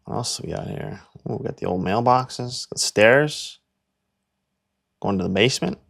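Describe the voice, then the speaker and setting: The young man's voice is lowish yet a bit bright, animated and unhurried, with vocal fry. A Canadian real estate agent and video host, he chats through a casual property tour, leaning on fillers and saying "like" constantly.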